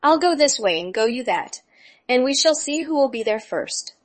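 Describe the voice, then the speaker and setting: Storybook villain: a woman doing a sly, slow, menacing wolf. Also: sits high, lively intonation, no room sound. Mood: scheming. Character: sly hungry male wolf.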